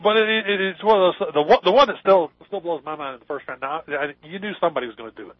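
Jokey caller over the phone. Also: male voice, fairly high pitch, very fast, no room sound. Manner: jokey, laughs often. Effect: heard over the phone line. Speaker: radio show caller. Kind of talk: joking casual chat. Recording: dull, dry phone line.

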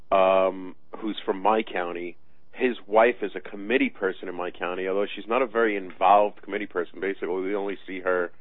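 A man giving halting, sardonic political commentary in a conversational style over the phone. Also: deep voice, no room sound. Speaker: political talk radio commentator. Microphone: phone line. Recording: tinny phone-line sound.

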